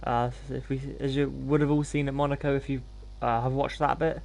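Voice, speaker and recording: A man's voice: medium pitch, flat delivery, brisk, vocal fry, a little mellow. A man hosting a gaming livestream, talking in an informal, laid-back, self-deprecating way as he commentates. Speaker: live streamer hosting gameplay.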